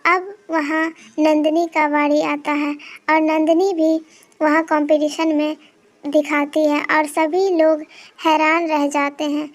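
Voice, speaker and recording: High flat-voiced woman narrator. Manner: simple, repetitive storytelling. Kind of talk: storybook narration.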